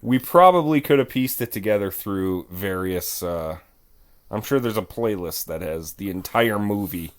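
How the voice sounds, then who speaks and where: Low-voiced man, lively and wry. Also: moderate pace. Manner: dry, wry, teasing. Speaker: podcast co-host. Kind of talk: casual chat.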